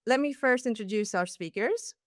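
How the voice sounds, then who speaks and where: A woman opens a webinar with a polished, scripted introduction. Her voice is slightly high, smooth and clear. The recording is dry and close. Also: expressive, moderate pace, no echo. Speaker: webinar host.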